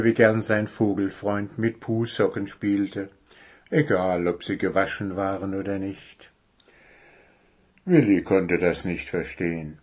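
A man reading a children's story aloud as narrator, calm and even. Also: lowish voice.

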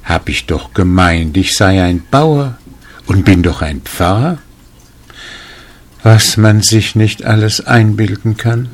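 A man's voice: sits low, lively intonation, takes it slowly. A man voicing a simple, trusting farmer who is confused and earnestly pleading, in a read-aloud folk tale. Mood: wondering.

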